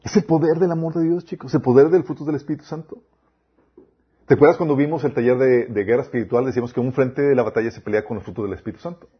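A man's voice: medium pitch, quick pace, breathy edge, highs cut off. A man preaching a sermon, quoting scripture and asking his listeners rhetorical questions.

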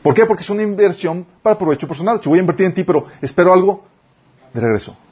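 Man, sermon, husky voice, slightly dull lo-fi sound, reads scripture and quizzes his listeners. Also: sits high, quick pace. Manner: addresses the audience as "chicos", asks them questions; reads scripture aloud, breaks off to explain it. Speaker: preacher.

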